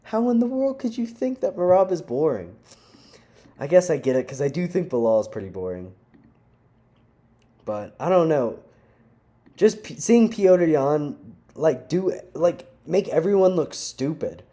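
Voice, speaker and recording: Animated young man ranting, mellow voice. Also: fairly high pitch, measured pace, pauses often. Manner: animated, laughs often, slangy. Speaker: vlogger. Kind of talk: casual rant.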